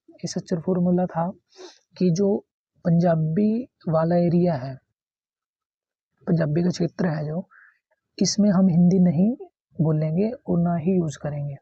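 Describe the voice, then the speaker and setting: A man explains history for an exam in an easygoing, repetitive way, going back over each point. His voice is gravelly and a little husky. The sound is dry and somewhat dull, as if from a basic mic. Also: a little high, warm tone, no echo. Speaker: teacher. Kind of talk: exam-prep history lesson.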